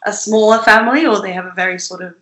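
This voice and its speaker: A woman's voice: mid-range voice, steady tone, fast talker, a bit bright, echoey room, poor audio. A young woman from Sweden, an independent musician, chatting casually as an interview guest with lots of fillers, restarts and laughs.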